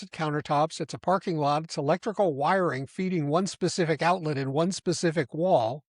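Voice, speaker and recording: An emphatic male podcast host talks through a scripted explainer in a slightly higher-than-usual voice. He is deliberate and slows down to stress key points. The sound is dry and close, with no room echo.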